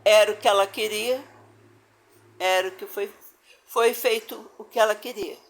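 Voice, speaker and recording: A woman's voice: mid-range voice, fairly even intonation, normal speed, gravelly. An older woman with a Brazilian accent telling her own family story as a personal testimony, stressing her points by repeating phrases. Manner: emphatic, repeats phrases for weight.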